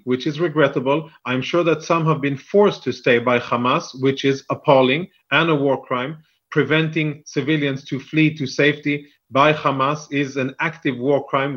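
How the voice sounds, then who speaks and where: A man speaking as a military spokesman in a live news interview, firm, deliberate and defensive, over a band-limited remote link. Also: a little high, fairly bright tone, highs cut off.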